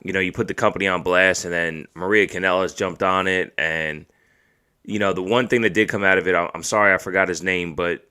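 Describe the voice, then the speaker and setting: A man with a low-pitched, bright and forceful voice, talking casually as a podcast host on a live stream. His tone is smooth and crisp, and he rambles in a profane, excitable way that turns emotional. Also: a little fast.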